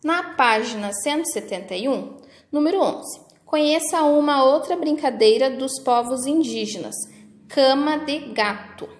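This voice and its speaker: A woman with a Brazilian Portuguese accent, a preschool teacher patiently walking young children through workbook activities in a slow, sing-song way. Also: sits high, expressive, roomy sound.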